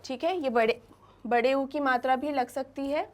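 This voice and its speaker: High-voiced woman teaching a class. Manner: stretches out example words slowly and repeats them for emphasis. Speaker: English teacher. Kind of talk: explaining a lesson to students in Hindi mixed with English. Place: classroom-style studio lesson.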